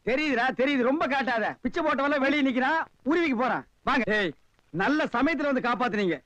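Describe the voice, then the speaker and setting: A man acting in a comedy film scene, scolding and mocking others with fast retorts. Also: very high voice, expressive, a bit bright, dry recording, dull audio. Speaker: comic actor in film scenes.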